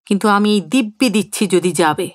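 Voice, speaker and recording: A woman voicing a sharp-tongued older wife who scolds in an indignant way in an audio story. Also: medium pitch, fairly quick, no room sound, clean studio sound, close to an everyday voice. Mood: angry.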